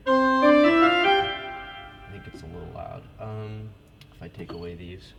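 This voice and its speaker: A low, steady male voice with some vocal fry moves at a moderate pace as he casually walks through church organ stops at the console. His talk is informal, peppered with fillers and restarts, and a loud pipe organ fills the background.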